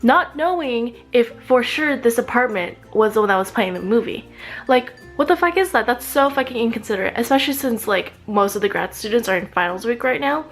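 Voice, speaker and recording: A woman's voice: fairly high pitch, brisk, hardly any pauses, soft background music. A young woman, a graduate student vlogging, telling a story in an indignant, agitated way, swearing freely with lots of fillers, tired from lost sleep. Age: young adult. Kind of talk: casual storytelling vlog.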